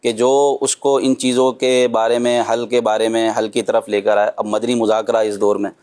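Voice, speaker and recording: A man hosting a religious discussion, gently advising and telling anecdotes. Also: medium pitch, little pitch movement.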